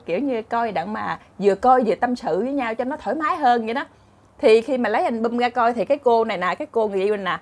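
A woman with a Southern Vietnamese accent telling funny short stories in a chatty way, laughing often and acting out characters. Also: fairly high pitch. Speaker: storyteller host. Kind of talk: casual comic storytelling.

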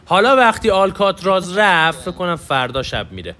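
A young male gaming YouTuber talks through his match in casual commentary, coaching viewers as he goes. His voice sits high and moves all over the place with lively energy, and he keeps a loose, chatty manner throughout.

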